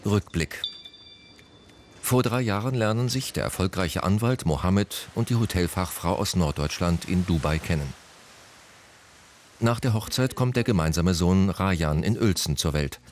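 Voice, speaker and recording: A man reading a scripted news voice-over in a measured, even way. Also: low voice, a little hiss or hum. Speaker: news narrator.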